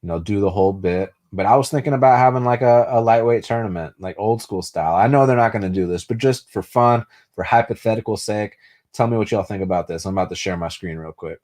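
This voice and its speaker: Here a fast-talking young man with a fairly low, darkish voice hosts an informal live stream. He fields viewer comments loosely and profanely, full of fillers and restarts. Raised in the United States, he spoke Spanish first.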